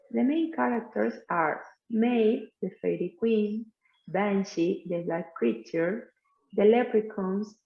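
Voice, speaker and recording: A woman's voice: medium pitch, gravelly. A woman in her thirties from Argentina, a language student listing the characters for a class presentation. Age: 30s. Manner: listing items. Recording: tinny echoey phone-like sound.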